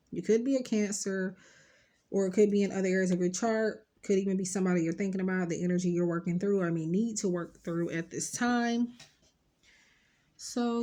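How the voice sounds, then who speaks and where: A woman's fairly low, dark voice carries a stuffy, sniffling nose as she gives a casual tarot card reading. She rambles, talks directly and reassuringly to her viewers, and uses many fillers.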